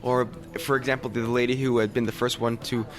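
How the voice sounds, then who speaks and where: A man from Los Angeles, a podcast guest, talking in an animated, casual way with many restarts. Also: mid-range voice, fast talker, music in the background. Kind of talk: casual interview chat.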